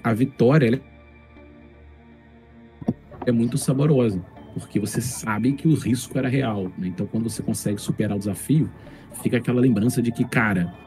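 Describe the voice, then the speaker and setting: A man with a Brazilian accent and a mellow, medium-pitched voice talks casually on a podcast as a tabletop gamer. His manner is reflective and explanatory, with faint music in the background.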